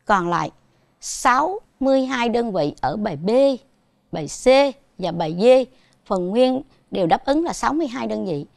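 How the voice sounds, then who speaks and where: A woman's voice: mid-range voice, animated, normal speed, creaky, dry recording, clean studio sound. A woman with a Southern Vietnamese accent teaching a televised primary school math lesson, patiently asking her pupils questions as she goes.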